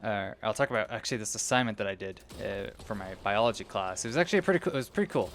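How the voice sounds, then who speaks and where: A man's voice: lowish voice, animated, rapid-fire, a bit bright, a little hiss or hum. A young man giving rambling, casual commentary while playing a video game, often losing his train of thought. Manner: rambling, meandering, self-interrupting. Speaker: gaming video creator.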